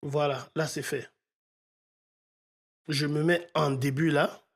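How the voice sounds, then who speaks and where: A man's voice: fairly high pitch, steady tone, takes it slowly. A man teaching audio mixing in a step-by-step tutorial, often checking in with his viewers. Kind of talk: screen-recorded software tutorial.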